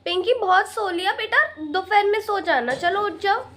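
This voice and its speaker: A woman's voice: high voice, normal speed, natural voice. A woman playing a harried mother and daughter-in-law in a comic family skit, grumbling about chores. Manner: grumbling, fussing over chores.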